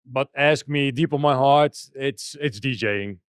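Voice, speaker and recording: A man's voice: mid-range voice, measured pace, smooth, no echo. A Dutch man with a Dutch accent, a techno DJ and producer answering interview questions in a hesitant way with many restarts. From Netherlands. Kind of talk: casual interview.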